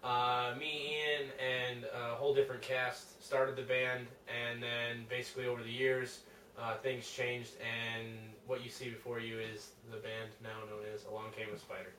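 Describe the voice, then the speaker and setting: A man's voice: medium pitch, flat delivery, normal speed, sharp tone. A man in his twenties, a band guitarist, answering interview questions in a laid-back, rambling way. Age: 20s. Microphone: far camera. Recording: echoey room, far from the mic, faint noise.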